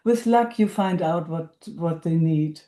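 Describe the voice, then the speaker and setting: Soothing, quiet woman on a video call. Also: deep voice, unhurried, poor audio. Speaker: coach. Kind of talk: gentle supportive talk.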